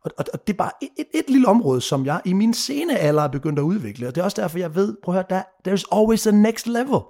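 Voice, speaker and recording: A man in his thirties speaks with real passion in a relaxed podcast conversation. His voice sits somewhat high for a man, and he pushes his points hard, swears freely and slips into English phrases. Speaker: mentor and guest.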